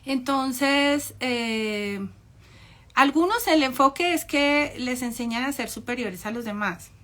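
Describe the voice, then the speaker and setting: High-voiced woman, chatty lesson talk. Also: slow, fairly bright tone. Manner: conversational, acts out quoted voices, ironic. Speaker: psychology speaker. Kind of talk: informal talk on narcissistic parents.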